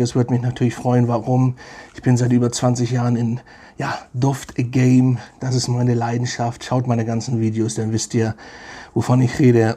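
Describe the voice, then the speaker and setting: Middle-aged man, husky dark voice, casual enthusiastic fragrance review, repeats his praise. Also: medium pitch. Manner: enthusiastic, repeats words like 'sehr, sehr nice'.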